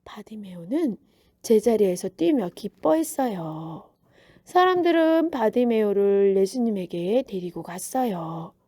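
A woman preacher telling a Bible story to young children in a gentle, sing-song storytelling way. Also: medium pitch, animated, a little slow, no echo, clean studio sound.

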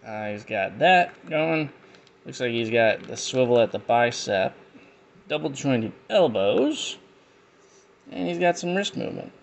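Slow, lively-voiced man reviewing toys. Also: mid-range voice, vocal fry, a little hiss or hum. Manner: rambling, jokey, with frequent fillers. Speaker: toy reviewer. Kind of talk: casual unboxing commentary.

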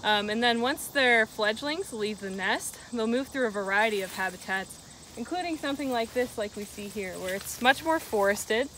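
A woman in her thirties, a wildlife biologist, explaining forest habitat outdoors in a steady, explanatory way, with a clip-on mic. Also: a little high, moderate pace, slight background noise, poor audio. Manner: steady, explanatory, walking and pointing at plants. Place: forest clearing and woodland, outdoors.

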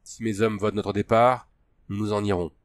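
A man's voice: lowish voice, flat delivery, moderate pace, no echo, studio quality, natural voice. A man reading the lines of a principled male army colonel in an audiobook, with firm, earnest delivery. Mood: calm.

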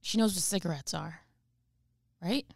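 A woman in her thirties hosting a podcast, chatting in an animated, quick-tongued way on a close mic. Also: fairly low pitch, gravelly, dry recording. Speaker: podcast host. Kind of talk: casual banter.

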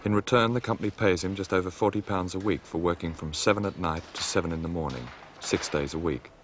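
A man with an Australian accent reading scripted documentary narration in a measured, dry way. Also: low-pitched. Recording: noisy old documentary film audio.

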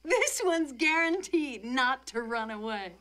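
A woman's voice: high-pitched, lively intonation, measured pace, fairly bright tone, a little hiss or hum. An actress playing an affectionate wife in a film comedy, giggling as she gives a gift. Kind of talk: 1980s film comedy acting.

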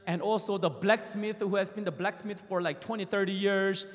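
A man's voice: high voice, steady tone, normal speed. A man preaching a sermon in short phrases through an interpreter, calling on the congregation to answer and repeat after him, on a church stage with a handheld mic. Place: large church stage, indoors. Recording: reverberant hall.

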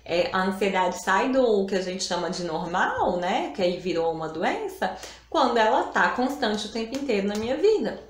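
A woman's voice: medium pitch, sing-song, moderate pace, a little hiss or hum. A woman, hosting a live stream and talking about emotions in a casual, reflective way, often adding little tag questions. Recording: roomy echo.

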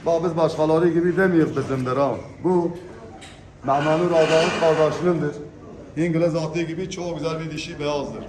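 Male auctioneer, slightly high voice, unscripted and emphatic showcase pitch with repeated phrases, recorded in an echoey room. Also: steady tone, moderate pace. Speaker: pigeon auction presenter. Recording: echoey room with background noise. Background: birds, pigeons.

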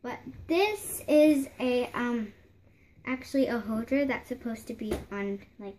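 This vlogger is a young girl with a high-ish, unhurried voice, rambling chattily through a show-and-tell of a handmade doll house beside her at home, with many fillers and restarts. A close-held phone camera shows her hands and picks up light room hiss.

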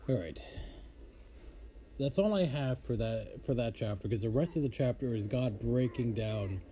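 A man's voice: mid-range voice, animated, normal speed, few pauses, mellow, slight background noise. A man hosting a casual Bible teaching show, informal and easily amused, often breaking off to apologize and laugh at himself.

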